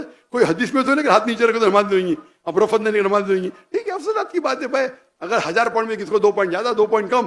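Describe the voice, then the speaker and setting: A man's voice: very high-pitched, fairly bright tone. A man giving a public religious talk, emphatic and challenging, firing off rhetorical questions and dropping in English phrases. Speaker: Islamic preacher.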